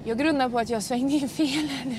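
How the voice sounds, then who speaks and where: A woman's voice: high voice, noisy background. A young woman with a Swedish accent, a timber truck driver thinking aloud in a reality show, swearing under stress. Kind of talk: reality TV commentary. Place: truck cab. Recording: music playing underneath.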